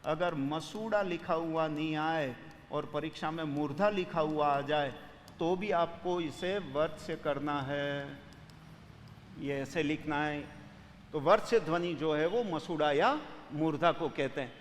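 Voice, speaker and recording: A man's voice: fairly high pitch, measured pace, in a large hall, slight background noise. A man teaching grammar for an exam, explaining step by step and putting students' questions to himself. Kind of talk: exam-prep lecture solving questions.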